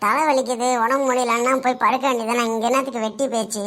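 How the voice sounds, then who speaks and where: A woman playing a sharp-tongued young wife who taunts her mother-in-law in a comedy skit, with a Kanyakumari Tamil accent. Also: on the high side, fairly even intonation, fast, lightly acted. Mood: taunting. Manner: mocking, taunting.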